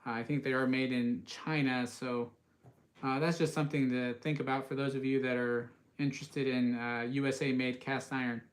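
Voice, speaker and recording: This cooking channel host, a West Coast American man, speaks at medium pitch and normal speed with a flat delivery. Streaming live over cast iron, he chats loosely and reads viewers' comments aloud, saying uh a lot.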